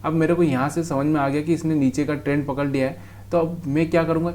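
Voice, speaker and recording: Trading tutor: a man, slightly high voice, explaining charts casually and talking straight to the viewer. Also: steady tone, fast, a little mellow. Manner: talks straight to the viewer, calls them brother. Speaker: trading teacher.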